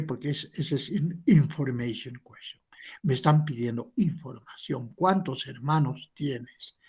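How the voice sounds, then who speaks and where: A man's voice: medium pitch, a little mellow, slightly rough. A man teaching an English class, patiently explaining and modeling questions.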